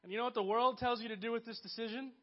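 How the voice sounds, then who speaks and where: A man delivers a sermon in a high, bright-edged voice. He speaks earnestly, swelling to emphatic peaks and then sinking soft. The recording sounds dull and lo-fi. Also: steady tone, very fast. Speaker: pastor.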